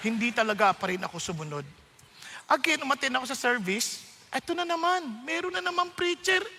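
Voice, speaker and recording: A man preaching a sermon, telling his own story in an animated way and acting out what others said. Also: extremely high pitch, a little fast, long reverb tail. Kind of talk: sermon testimony.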